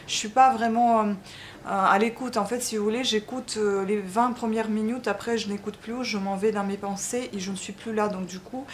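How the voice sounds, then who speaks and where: A woman's voice: mid-range voice, slight background noise. A woman from Ukraine, speaking French as a second language, giving a casual book review, hesitant and full of fillers. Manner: hesitant, many fillers and restarts. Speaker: book vlogger.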